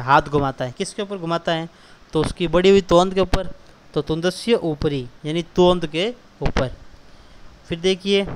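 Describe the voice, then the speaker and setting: A man's voice: a little high, clear, resonant tone. A male teacher patiently explaining a school exercise to children, glossing each word and repeating key terms.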